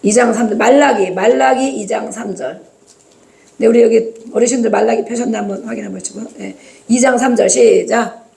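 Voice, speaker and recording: Woman preaching with a gravelly edge. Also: fairly high pitch, brisk. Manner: lively, acts out quoted voices. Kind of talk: sermon. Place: church.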